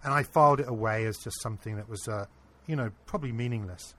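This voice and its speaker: Husky-voiced man telling a story. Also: mid-range voice, quick pace. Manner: earnest, animated anecdote-telling. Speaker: interview guest. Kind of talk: casual storytelling.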